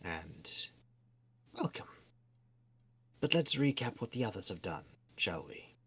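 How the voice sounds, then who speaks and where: A man running a tabletop game as storyteller, narrating theatrically and sometimes dropping to hushed tones. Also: fairly low pitch, sing-song, slow pace, slightly rough. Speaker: game master.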